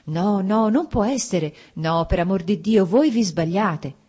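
A woman's voice: medium pitch, measured pace, dark tone, breathy edge, pitched above the performer's own voice. A woman reading the part of a distressed married woman who pleads urgently for her friend in an audiobook. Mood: desperate.

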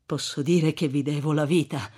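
A reader voicing a shaken young man who answers earnestly and quietly. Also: medium pitch, fairly even intonation, moderate pace, close to an everyday voice. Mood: grateful.

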